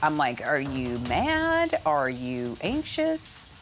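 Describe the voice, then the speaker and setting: A woman's voice: deep voice, wildly swooping pitch, slow pace. A middle-aged woman from Sweden, a dog owner talking casually and playfully about her dogs. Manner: chatty, playful, laughs at herself. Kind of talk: casual interview. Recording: music bed underneath.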